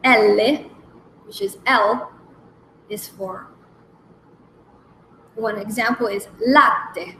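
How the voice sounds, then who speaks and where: A woman hosting a language lesson, slowly naming each letter and repeating example words with care. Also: mid-range voice, steady tone, pushed and bright, slight background noise. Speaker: language segment host. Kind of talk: slow, careful alphabet lesson. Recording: echoey room with faint background ambience.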